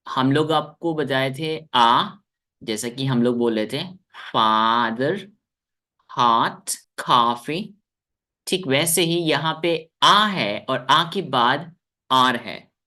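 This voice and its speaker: Over a video call, a man with an Indian accent runs an online English class, drilling words slowly and saying each one three times. His mid-range voice has a sharp edge, and he is stern with his students.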